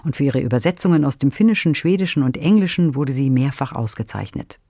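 A male radio host reading his introduction in a calm, scripted, announcing way. His voice sits at a mid pitch with a mellow, dark tone, and it is recorded dry and close. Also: no echo. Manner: measured, announcing. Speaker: radio presenter.

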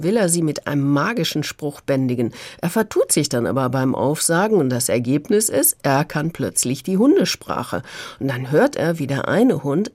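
A woman's voice: sits low, a little mellow, no echo. A woman reviewing a book on radio, fluent and engaged, pointedly critical. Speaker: literary critic.

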